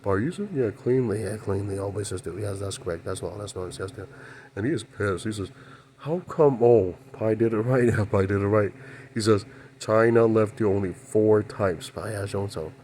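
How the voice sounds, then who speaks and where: A man talks in a low, flat, unvaried voice, in a rambling monologue made of broken phrases. He keeps affirming his own points as he goes. Faint noise hums underneath. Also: moderate pace. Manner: repetitive, keeps affirming himself with "yeah, that's true". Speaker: channel host.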